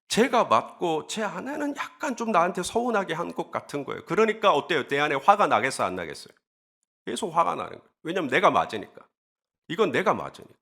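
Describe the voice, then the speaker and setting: A man preaching a sermon as pastor, animated, acting out grumbling voices and then dropping to a soft, confiding tone. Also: medium pitch.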